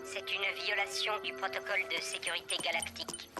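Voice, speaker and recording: A woman voicing a stern female security computer that gives flat, clipped system announcements through a speaker. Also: fairly low pitch, brisk, loud music behind the voice.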